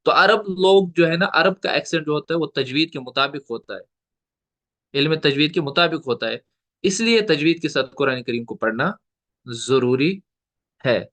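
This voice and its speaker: Bright-voiced man teaching. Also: on the high side, animated. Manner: explains slowly, repeats points, mixes English words into Urdu. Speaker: tajweed teacher. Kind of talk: recorded online lecture.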